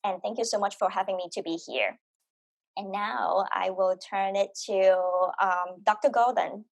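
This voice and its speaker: A woman's voice: medium pitch, steady tone, unhurried, gravelly, dry recording. Woman, earnest. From Hong Kong. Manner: earnest, frequent "you know" fillers. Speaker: university wellbeing director. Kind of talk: panel introduction. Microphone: video call.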